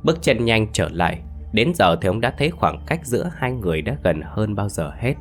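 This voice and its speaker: A man narrating a ghost story in an expressive scripted storytelling style. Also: fairly low pitch, fairly quick. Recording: faint background music.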